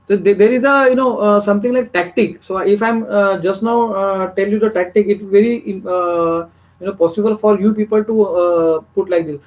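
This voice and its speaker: Indian teacher drilling German pronunciation. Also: male voice, sits high, steady tone, moderate pace, poor audio. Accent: Marathi-influenced Indian English. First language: Marathi. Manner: repetitive, drills phrases aloud, keeps checking with "right?". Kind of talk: online language lecture.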